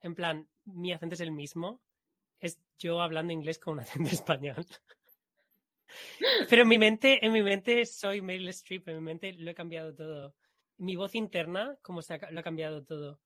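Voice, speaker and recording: A man with a Spain Spanish accent co-hosting a podcast, joking about himself with playful, animated bursts. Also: fairly high pitch, normal speed. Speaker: podcast co-host. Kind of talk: casual chat.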